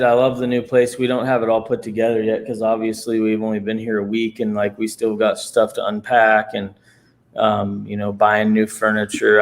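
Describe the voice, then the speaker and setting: Low, flat-voiced man chatting casually. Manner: relaxed, rambling with many fillers. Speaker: livestream host. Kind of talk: casual chat. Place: new home in a city.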